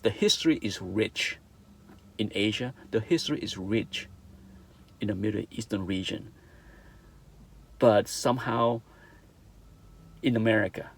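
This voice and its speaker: With a fairly low pitch and vocal fry, a middle-aged Vietnamese man vlogs an earnest opinion monologue in a Vietnamese accent. He repeats what he's said and checks in with "okay?".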